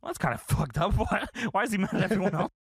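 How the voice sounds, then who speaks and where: An animated male streamer tells the story with a high voice that jumps all over. He laughs and swears constantly, and his mic sounds dry and close. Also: fast, breathy edge, no echo. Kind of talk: casual recap of a wrestling game.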